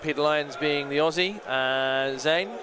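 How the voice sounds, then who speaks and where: A man's voice: a little high, a little slow, crowd noise. A British man commentating a live tabletop game tournament in a chatty, rambling way that often corrects itself. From Britain. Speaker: stream commentator.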